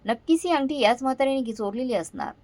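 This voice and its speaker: A woman's voice: high voice, lively intonation, quick pace, darkish tone, no echo, voice pushed up. A woman voicing a suspicious, sneering elder daughter-in-law, recorded dry and close. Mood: cold suspicion.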